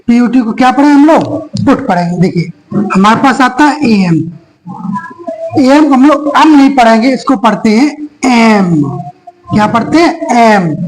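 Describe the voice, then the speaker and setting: A teacher giving a phonics lesson to young children, spelling words out letter by letter, asking a question and then answering it in a lower voice. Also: slight background noise, poor audio. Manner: slow, repetitive drilling, spells out letters one by one.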